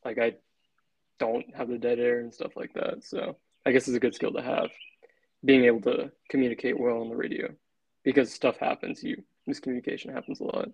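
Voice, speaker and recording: A man speaking as an interview guest in a relaxed, laid-back way, swearing freely. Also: medium pitch, fairly quick, slightly rough, no room sound, poor audio. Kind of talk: casual interview chat.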